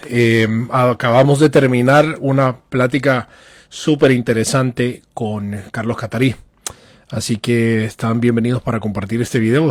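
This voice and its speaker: A man hosting a live online interview, upbeat and chatty with hearty slang, on a studio microphone. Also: mid-range voice. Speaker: host. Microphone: new studio microphone.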